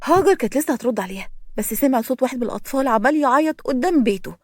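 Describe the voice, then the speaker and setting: Fast high-voiced woman storyteller. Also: lively intonation, no room sound, clean studio sound. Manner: acts out every character herself. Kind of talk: scripted narration of a spoken story.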